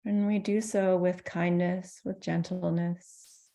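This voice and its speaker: This guided meditation comes from a woman whose mellow, slightly low voice has soft edges and lots of creak. As a meditation teacher, she speaks flatly and slowly, gentle and calming, letting space fall between her phrases.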